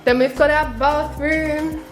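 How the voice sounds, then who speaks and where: A young woman travel vlogger telling stories in an animated, dramatic way, exaggerating for laughs. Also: high voice, slow, faint music behind. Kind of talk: casual storytime vlog. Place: tropical villa, indoors and out.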